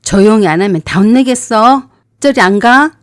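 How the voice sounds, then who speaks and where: A woman's voice: medium pitch, expressive, a little slow, mellow, no room sound, studio quality. A woman voicing a drunken, abusive middle-aged husband who scolds and barks questions. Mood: yelling.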